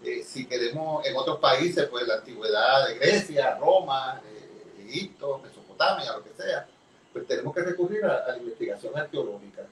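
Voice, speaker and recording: A man with a Puerto Rican accent, an archaeologist guest, explaining in a measured, lecturing way during a conversational interview. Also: medium pitch, expressive, fairly bright tone. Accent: Puerto Rican Spanish. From Puerto Rico. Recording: roomy, distant mic with faint noise.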